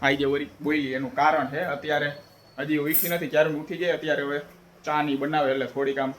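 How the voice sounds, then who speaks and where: A chatty man, talking to camera at home in a family vlog. His voice sits a little high for a man, and he keeps teasing as he goes. Dishes clatter behind him over a noisy home recording. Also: flat delivery, quick pace, a bit bright. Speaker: vlogger. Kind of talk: casual family vlog talk.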